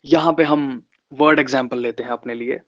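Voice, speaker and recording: A man teaching shorthand in an online class, slowly repeating vowel sounds and example words. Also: medium pitch, steady tone. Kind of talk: online lesson. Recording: slightly dull, lo-fi sound.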